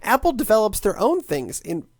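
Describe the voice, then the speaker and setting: A man in his late twenties talks tech on a casual podcast. His voice swings widely in pitch as he rambles wryly, often restarting his sentences. The sound is dry and close, with no room around it. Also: moderate pace, no echo. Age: late 20s. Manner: animated, wry, rambling with restarts. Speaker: podcast co-host, tech commentator.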